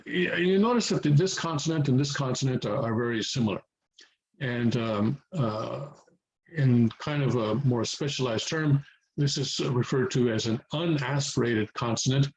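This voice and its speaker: Recorded at home near a highway with traffic going by, a man whose first language is English walks through reading Korean letters. He's patient and casual, often repeating things and checking in. His medium-pitched voice has vocal fry, and the audio is poor.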